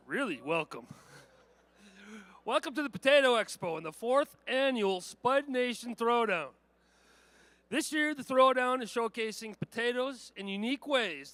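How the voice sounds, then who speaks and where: A man's voice: very high-pitched, a bit bright, dry recording. A man reading a prepared introduction to open a live expo contest. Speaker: event announcer. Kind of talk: scripted announcement.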